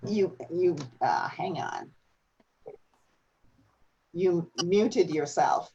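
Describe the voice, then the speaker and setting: A woman's voice: fairly low pitch, very animated, extremely slow, gravelly, dark tone, a little hiss or hum. A woman hosting and informally moderating an online discussion, recorded over an internet call. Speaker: host, moderator. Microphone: online video call. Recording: dull, lo-fi online call audio.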